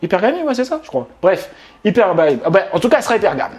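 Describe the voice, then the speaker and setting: A chatty man telling a casual storytime to his viewers, slangy and direct, his voice sitting a bit high for a man. Soft music plays faintly behind him. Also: big pitch swings, fast talker. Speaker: vlogger and business coach.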